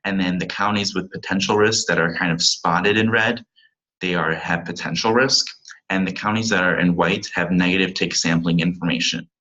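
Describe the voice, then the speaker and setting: A man's voice: low voice, pushed and bright, dull audio. A young man in his twenties, a pharmacy student, giving a recorded slide presentation and reading from his slides with small slips and restarts.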